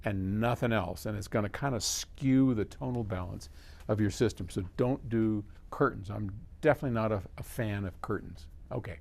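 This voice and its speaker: A gravelly, lowish-voiced man hosts a casual explainer at a moderate pace, reading out a listener's audio question, then advising. He answers in a folksy, conversational way, thinking aloud as he goes.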